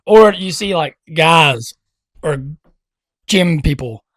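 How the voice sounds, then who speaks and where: Man, high-pitched voice, animated ranting, swearing, dry close sound. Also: slow, dry recording. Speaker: podcast co-host. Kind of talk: casual chat.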